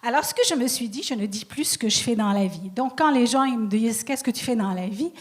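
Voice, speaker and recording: A woman comedian with a non-Québec French accent tells self-mocking stories on stage. Her voice sits a little high, and she laughs easily between her punchlines. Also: fast talker. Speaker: stand-up comedian. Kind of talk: stand-up routine.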